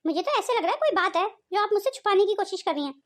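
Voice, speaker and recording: A squeaky, very high voice rattles off accusations at speed: a woman playing a quarrelsome, sharp-tongued daughter back at her family home. She is bossy and suspicious. Every line lands as a jab in this cartoon family squabble. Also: expressive, rapid-fire. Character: quarrelsome hot-tempered married daughter visiting home. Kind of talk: cartoon family drama voice acting.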